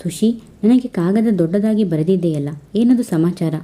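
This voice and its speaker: A woman voicing a young village man who teases gently and speaks tenderly, read in a soft storytelling voice. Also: fairly low pitch, moderate pace, natural voice. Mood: teasing.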